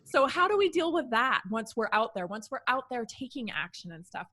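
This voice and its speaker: A woman's voice: on the high side, sing-song, brisk, pushed and bright. A woman hosting a podcast interview, chatting casually and affirming her guest often. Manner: encouraging, frequent affirmations, chatty. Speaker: podcast host.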